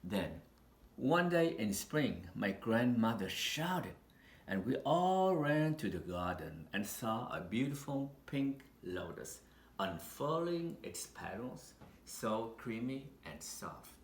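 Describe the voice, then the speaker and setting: In an echoey, open space with a little noise behind him, a medium-pitched man reads a picture book to children. He takes his time, pausing dramatically and letting his voice rise and fall expressively to tell the story.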